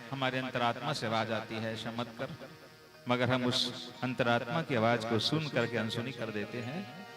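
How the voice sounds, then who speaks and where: A man with a Chhattisgarhi Hindi accent preaching a devotional sermon at a live village gathering, earnest and emphatic, throwing rhetorical questions to his listeners. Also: mid-range voice. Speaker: Bhagavat katha preacher.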